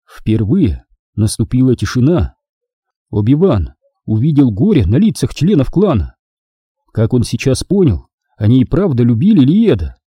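Guy reading a novel aloud, husky, dark low-key tone. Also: big pitch swings, normal speed, dry recording, studio quality. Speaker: narrator. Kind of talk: audiobook narration.

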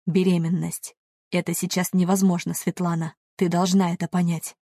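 A woman reading a married doctor, flat monotone, slightly lowered, husky. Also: moderate pace, no room sound, clean studio sound. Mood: cold. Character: man, married doctor, cold and evasive.

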